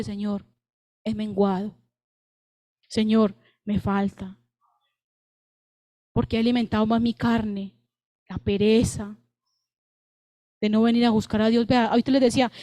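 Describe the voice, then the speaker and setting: A woman delivers a fervent sermon in a high voice. She repeats her phrases and climbs to cries on the key lines. The sound is close and dry. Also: darkish tone, no room sound. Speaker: preacher at a women's church service. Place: church service.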